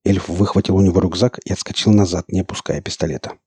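A man narrates a novel in an even, measured way. His voice is very low and dark, with a husky grain. The recording is dry and close. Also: dry recording. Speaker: audiobook narrator. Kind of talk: scripted narration.

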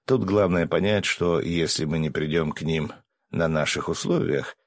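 A man narrating an audiobook in an expressive, animated reading. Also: rumbling low, normal speed, no room sound.

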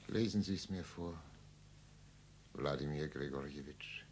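An actor playing a frail, dying old man who speaks faintly and haltingly from his sickbed in a radio play. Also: rumbling low, darkish tone, slight background noise. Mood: faint, weary. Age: older.

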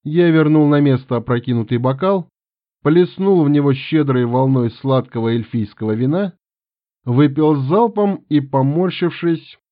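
A man narrating a first-person fantasy audiobook in an expressive, measured storytelling manner. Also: fairly high pitch. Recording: tinny phone-like sound.

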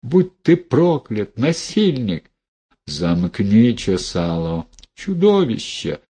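A man's voice: on the low side, takes it slowly, dark tone, breathy edge. A man reading an audiobook voices a terrified, furious woman who shrieks curses in a raised voice. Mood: cursing. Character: terrified furious merchant's ward, a grown woman.

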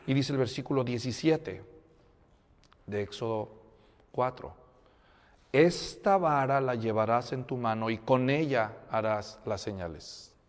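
A man preaching a Bible sermon, expressive, swinging from loud emphasis to low tones and asking his listeners questions. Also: a little slow, long pauses. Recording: long hall reverb.

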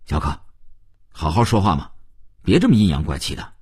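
A man's voice: low-pitched, very animated, a little fast, a little mellow, slightly rough, heavily acted. A man voicing an earnest, scolding father. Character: middle-aged father, earnest, gently scolding.

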